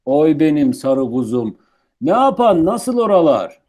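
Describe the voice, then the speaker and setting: A man's voice: a little high, sing-song, unhurried, a little mellow. An actor as a grumbling old grandfather, swooping intonation. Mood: tender. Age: older. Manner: grumbling, folksy. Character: grumbling, affectionate old grandfather baffled by technology. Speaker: grandfather in a radio play. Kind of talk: Turkish radio theatre acting.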